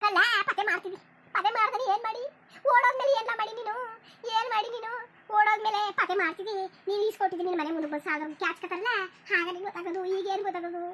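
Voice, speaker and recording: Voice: very high-pitched, steady tone, racing, bright, forceful tone, a little hiss or hum. A cartoon voice of an elderly village mother, lamenting and scolding her son over and over. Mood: bitter. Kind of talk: cartoon voice acting.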